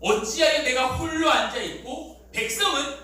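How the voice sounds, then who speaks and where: A preacher taking on Jethro as a weary older father-in-law, tired and questioning, with a bright, high voice. It echoes through a large hall, picked up from off the microphone. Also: expressive, moderate pace, far from the mic, a little hiss or hum, full character voice. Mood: puzzled.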